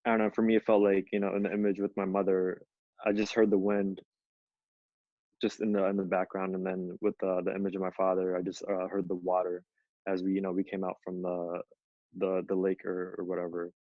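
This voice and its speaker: Low, flat-voiced man telling stories. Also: a little fast, no echo, phone-quality sound. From Ethiopia. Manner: relaxed, many fillers like "you know" and "uh". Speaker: featured artist. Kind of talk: conversational storytelling.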